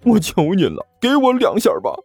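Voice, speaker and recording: A man voicing a whiny younger sworn brother who begs, high and fast, in a husky voice with soft music behind. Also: wildly swooping pitch, exaggerated voice. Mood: pleading. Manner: high, fast, wheedling and begging.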